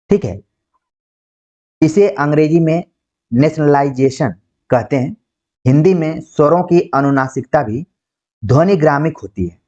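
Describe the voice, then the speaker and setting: A man with a slightly high, darkish voice teaches a Hindi lesson for exam preparation, explaining slowly, acting out example words, and repeatedly checking in with "ठीक है". The recording has a dull, lo-fi sound.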